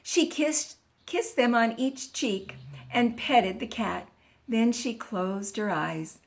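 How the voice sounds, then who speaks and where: A woman reading a children's picture book aloud, slow and expressive, with playful animal noises. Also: a little high, gravelly. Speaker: storyteller.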